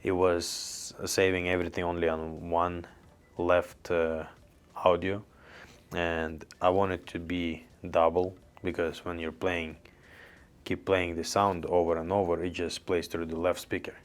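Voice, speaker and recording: A young man with a very low, deep, smooth voice speaks at a measured pace in an even tone that barely rises. His loose, chatty delivery, full of restarts and plain wording, suits his casual, unscripted gear review vlog. He's framed on camera and recorded up close with a handheld reporter mic and lavalier in a small office room.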